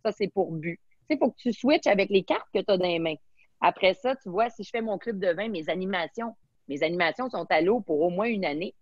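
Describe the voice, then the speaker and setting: A woman's voice: mid-range voice, expressive, brisk, darkish tone, no echo, dull audio. A woman from Quebec with a Québécois French accent, speaking enthusiastically as a guest in a webinar interview and mixing in English words.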